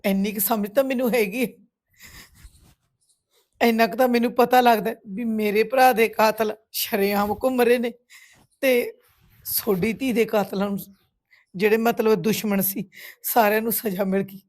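A woman's voice: on the high side, fairly even intonation, moderate pace, pauses often, darkish tone, lightly acted. An actress with a Punjabi accent playing a grieving village woman who bitterly reproaches a family friend. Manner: reproachful, tearful accusations. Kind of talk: village web series drama.

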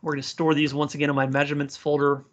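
A man teaching software in a live tutorial, dictating code aloud piece by piece and naming each symbol. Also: on the high side, completely flat delivery, very fast, muffled recording. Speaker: software instructor, community presenter.

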